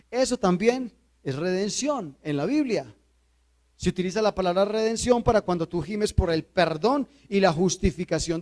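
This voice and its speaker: Man, Colombian accent, pastor, sermon, high-pitched, loud pleas and quiet slow passages. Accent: Colombian Spanish, Antioquia. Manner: swings from loud crying-out pleas to low, slow, intimate speech.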